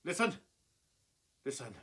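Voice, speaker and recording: An actor playing Victor Frankenstein, an obsessed, domineering scientist barking feverish commands in a radio play. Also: male voice, unhurried, pushed and bright, far from the mic. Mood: frantic, impatient. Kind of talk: theatrical radio play acting.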